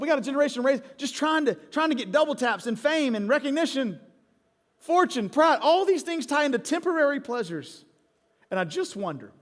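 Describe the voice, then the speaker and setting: A pastor in his forties preaches emphatically and candidly in a large church auditorium, repeating phrases for effect. His voice is extremely high and fairly bright, carried on a long hall reverb with music playing underneath.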